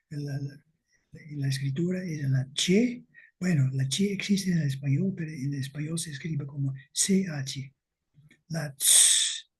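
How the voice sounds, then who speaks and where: A man giving an academic lecture with slides, speaking slowly and deliberately and checking in with his listeners. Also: a little high, darkish tone, husky.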